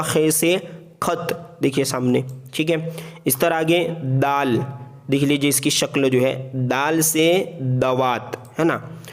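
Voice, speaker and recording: A man teaching the alphabet in a patient voice-over lesson, repeating each letter slowly and checking in often. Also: a little high. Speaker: Urdu teacher.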